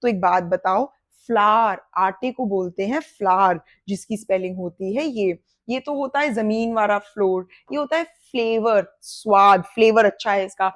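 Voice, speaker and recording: A woman English teacher, explaining exam questions in Hindi mixed with English and slowing down to read example sentences aloud. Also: medium pitch, no room sound, clean studio sound. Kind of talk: exam-prep lesson explaining answers.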